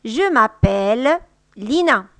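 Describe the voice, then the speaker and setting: Woman, high voice, dry close sound, patient teacher, repeats each example. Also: lively intonation, creaky, no echo. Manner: patient, repeats example sentences slowly and louder. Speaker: French teacher. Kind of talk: slow, clear language lesson.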